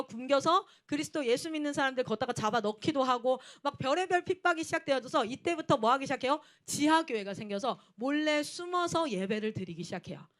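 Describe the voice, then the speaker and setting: Lively woman missionary preaching a sermon. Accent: Gyeongsang dialect in places. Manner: acts out shouted scenes, then drops to a low earnest tone. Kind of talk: animated sermon with storytelling.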